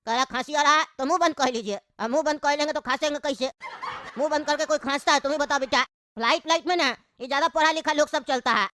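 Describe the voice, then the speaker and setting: A woman's voice: high voice, a bit bright. A woman voicing an elderly father with a cough and a chest cold, complaining and stubborn. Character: coughing old father on a flight, grumbling and stubborn.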